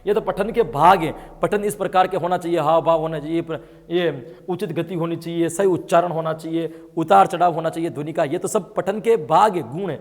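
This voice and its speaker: A man's voice: on the high side, brisk, hardly any pauses. A man teaching an exam-prep lesson, explaining answers and asking his students questions as he goes. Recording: long hall reverb.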